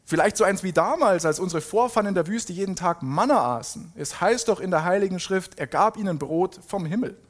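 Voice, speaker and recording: A man's voice: high-pitched, expressive. A man reading a Bible passage aloud and stopping now and then to comment on it in a casual, emphatic way. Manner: reads scripture slowly with emphatic rises, then comments casually. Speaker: preacher.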